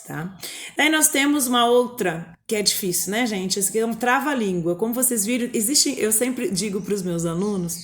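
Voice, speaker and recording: A woman's voice: mid-range voice, vocal fry. A woman with a Brazilian Portuguese accent, a teacher explaining a lesson to her students on video, often checking in with short tag questions.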